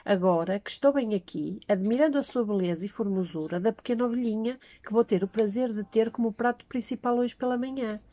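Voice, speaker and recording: A woman's voice: fairly high pitch, fairly quick, hardly any pauses, mellow, natural voice. A woman reading the lines of a drunk, toothless, bearded man in a storybook, giving him a mocking, menacing drawl. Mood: leering.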